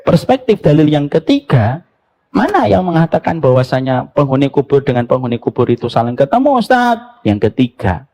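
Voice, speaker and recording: A man's voice: mid-range voice, brisk. A man preaching a sermon, telling stories with humor and asking his listeners rhetorical questions. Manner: animated storytelling, mixing jokes and rhetorical questions. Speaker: Islamic preacher.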